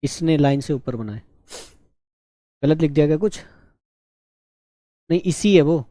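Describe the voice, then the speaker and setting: A man teaching a shorthand class, teasing his students and dictating words slowly. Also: on the high side, expressive, mellow, no room sound, clean studio sound. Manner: slow, drawn-out dictation. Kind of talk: live online class dictation.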